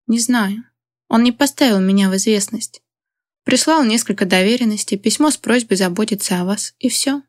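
A woman's voice: mid-range voice, normal speed, no room sound, clean studio sound, natural voice. A woman reading the part of a weary, guarded older father, speaking in a muted way.

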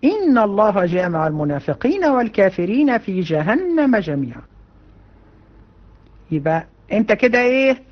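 A woman with an Egyptian Arabic accent giving a religion lesson to women, animated and colloquial, with many rhetorical questions. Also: mid-range voice, moderate pace, long pauses, muffled recording. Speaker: religion teacher. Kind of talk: lecture to women students.

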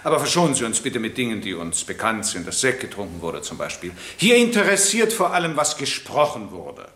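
An actor playing a stern, formal presiding judge in a 1960s radio drama. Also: male voice, medium pitch, sing-song, a little fast, a bit bright. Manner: formal, commanding. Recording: roomy vintage radio play studio.

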